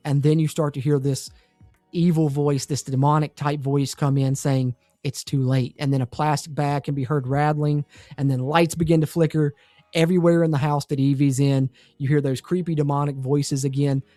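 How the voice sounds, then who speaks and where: Mellow-voiced man reviewing a horror movie. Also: fairly high pitch, no room sound. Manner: enthusiastic, rambling with fillers. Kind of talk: casual spoiler review.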